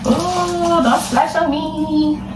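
With a high voice and drawn-out words, a young cooking vlogger in her twenties chats casually to viewers as she makes food in her home kitchen. Heavy background noise fills the clip, from the clattering dishes and pots to the echo of a kitchen heard through a distant mic on a camera across the room.

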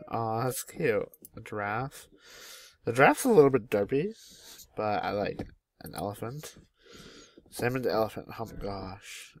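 A man's voice: lowish voice, creaky. A young man at home casually commenting on a game mod, chatty and easily delighted as he names each animal that appears. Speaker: gaming YouTuber.

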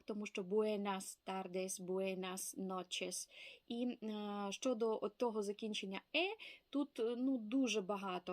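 A woman teaching an online language lesson, patiently saying each example word twice and stressing it. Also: medium pitch. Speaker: Spanish teacher.

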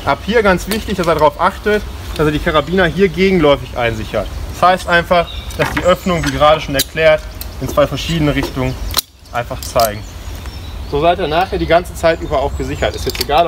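This young man in his 20s, a climbing park safety instructor, talks through safety points informally and demonstrates them at an outdoor forest ropes course. His voice is slightly high, and the camera mic a few steps off catches clear outdoor noise, passing cars and clinking gear.

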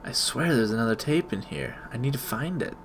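A man's voice: mid-range voice, a little fast, gravelly, slight background noise. A man giving casual let's-play commentary, muttering to himself with mild exclamations as he plays a video game. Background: video game sound.

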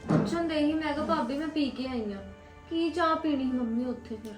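A woman's voice: high voice, a little fast, natural voice. A woman playing a grown daughter in a family drama, reassuring and comforting her old mother. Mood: calm. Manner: soothing, reassuring. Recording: echoey room, music behind.

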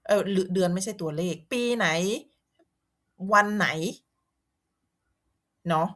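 A woman's voice: lowish voice, slow, a bit bright. A woman from Thailand teaching a language lesson, explaining vocabulary patiently and repeating words to model how they sound.

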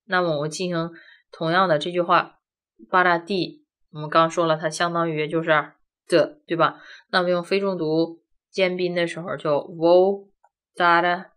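A woman with a lowish, slightly bright voice teaches a classroom-style grammar lesson at a moderate pace, her pitch barely moving. A language teacher whose first language is Chinese, she explains each point step by step and regularly asks rhetorical questions.

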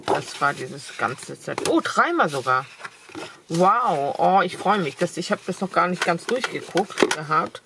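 Amid very noisy audio, a woman with a fairly low, animated voice talks at an unhurried pace, showing craft supplies at her desk. She's a crafting vlogger with a cold, chatty and enthusiastic with many fillers, in a casual haul video shot from a camera above the desk showing only her hands.

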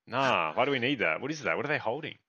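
A man's voice: mid-range voice, animated, quick pace, sharp tone. A young man hosting a casual gaming video, talking loosely to viewers and swearing offhandedly. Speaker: YouTube host. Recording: dull lo-fi sound.

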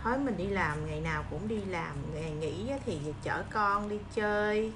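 A woman in her thirties with a southern Vietnamese accent talks casually to her viewers in an encouraging way. Her pitch sits in the middle for a woman. It is a phone recording made indoors, with clear noise behind her voice. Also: moderate pace. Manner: encouraging, reassuring. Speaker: livestream host. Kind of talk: casual chat to viewers while eating and preparing fruit. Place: small room indoors. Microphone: phone propped at arm's length.

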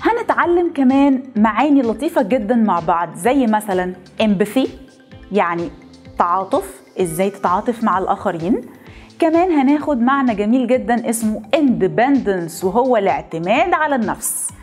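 A woman with an Egyptian Arabic accent teaching young children English phonics, praising them warmly as she drills each word. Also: on the high side, normal speed, soft background music. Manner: lively and encouraging, drawing words out for children to repeat.

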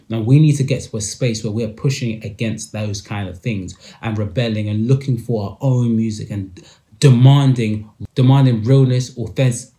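A man's voice: lowish voice, warm tone. A man hosting a podcast, giving casual, emphatic commentary and repeating his points. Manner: emphatic and repetitive. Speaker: podcast host.

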